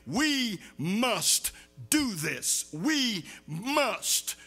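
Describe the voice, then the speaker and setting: A man's voice: high voice, very animated, very slow, vocal fry, breathy edge, faint music behind. An older man preaching a sermon from a church pulpit, building force through repeated calls and questions. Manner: forceful, emphatic repetition with rising calls. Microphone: pulpit mic.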